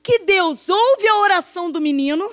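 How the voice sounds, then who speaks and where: A middle-aged woman from Brazil preaching a sermon, telling family stories in a lively way, acting out quoted voices and often calling out to her listeners as brothers. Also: very high voice, normal speed, dry recording. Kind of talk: sermon with personal storytelling.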